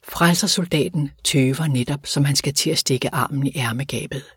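A man narrating an audiobook in an even, measured reading. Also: mid-range voice, slightly rough, no echo, studio quality. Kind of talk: scripted narration.

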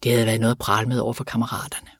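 A man narrating an audiobook in an even, measured reading. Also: mid-range voice, slightly rough, dry recording, studio quality. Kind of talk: scripted narration.

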